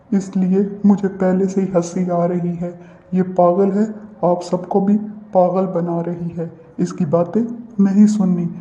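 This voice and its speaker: A man doing a cocky cartoon guy who brags and mocks, with a fairly high, flat, dark-toned voice. The sound is roomy and a bit dull, like a lo-fi home recording. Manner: mocking, bragging. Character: boastful, teasing young man who calls himself handsome. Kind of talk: cartoon voice acting.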